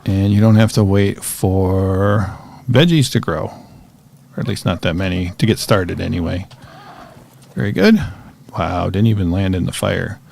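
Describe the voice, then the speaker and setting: Chill guy narrating his game as he plays, kinda gravelly voice. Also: low voice, moderate pace. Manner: relaxed, chatty, talks to himself while playing. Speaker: gaming streamer. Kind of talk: casual gameplay commentary.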